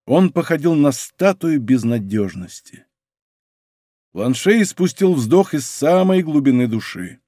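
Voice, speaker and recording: Male narrator, lively expressive reading, slightly high voice, dry close studio audiobook. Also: unhurried, dry recording. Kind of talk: scripted literary narration.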